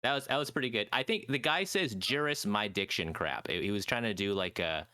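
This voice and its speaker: A podcast host chats and directs his co-hosts through voice bits, laughing often and stumbling over restarts. His voice is bright and lively, swinging up and down in pitch. The sound is dry and close. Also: quick pace, smooth, no echo. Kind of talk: casual comedy podcast chat.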